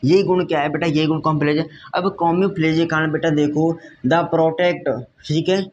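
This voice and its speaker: Teaching science at a whiteboard, a man talks at a measured pace in a voice on the high side, with little pitch movement. He goes over points repeatedly, calls his students "beta," and frequently asks if they follow. The audio has its highs cut off and slight background noise.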